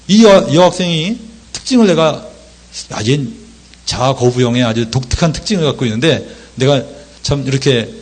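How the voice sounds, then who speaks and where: A man's voice: fairly high pitch, breathy edge. A man preaching a sermon lecture, telling stories and acting out the people in them. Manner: lively storytelling, acting out quoted voices. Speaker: pastor.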